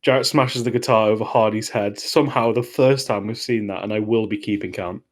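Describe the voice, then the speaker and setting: A man co-hosting a podcast, recapping wrestling matches in a relaxed, casual chat. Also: lowish voice, fairly quick. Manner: relaxed, lays out match events play by play. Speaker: podcast co-host.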